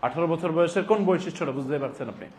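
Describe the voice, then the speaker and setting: High-pitched man teaching, emphatic and deliberate. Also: a little hiss or hum. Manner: repeats phrases slowly and deliberately for note-taking; emphatic, question-and-answer prompting of students. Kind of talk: classroom lecture with dictation.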